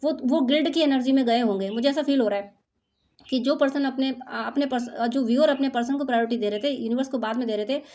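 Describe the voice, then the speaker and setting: A woman's voice: sits high, fast, dark tone. A woman doing an intuitive spiritual reading for her viewers, talking in a soothing, motherly, reassuring way. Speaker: spiritual card reader.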